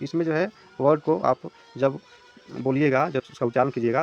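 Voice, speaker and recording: A man teaching an English grammar lesson in Hindi, reading English definitions slowly, then explaining quickly and repeating example words. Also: medium pitch. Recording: slightly dull lo-fi recording.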